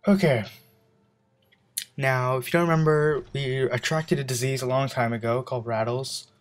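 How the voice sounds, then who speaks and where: A man's voice: medium pitch, steady tone, normal speed. Breathless young man commenting on gameplay. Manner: rambling, self-correcting, with many fillers.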